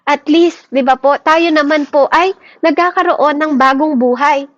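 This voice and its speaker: High-voiced Filipino woman preaching a devotion. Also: a little slow, lo-fi sound. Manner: asks "Amen?" after nearly every point, mixes English in; earnest, fervent preaching with many restarts. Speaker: devotion leader. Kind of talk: Bible study devotion.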